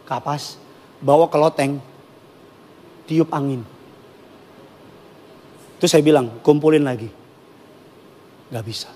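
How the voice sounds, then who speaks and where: A pastor from North Sumatra with a Batak Indonesian accent delivers a sermon to his congregation in a high, ringing voice with a breathy edge. He moves between forceful exhortation and hushed asides, occasionally teasing his listeners. A large church hall gives the sound a long reverb.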